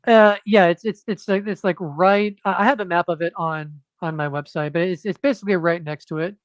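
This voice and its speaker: His voice sits high and his pace is brisk as he chats, with no echo in the recording. He's a comic book creator guesting on a casual interview, flat in tone and halting, full of fillers and restarts.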